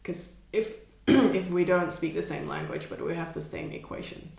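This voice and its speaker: A woman whose first language is Cantonese, an artist guest in a casual conversation, speaks hesitantly, searching for words and laughing often. Her voice is on the low side, gravelly and darkish, at a moderate pace, in an echoey room.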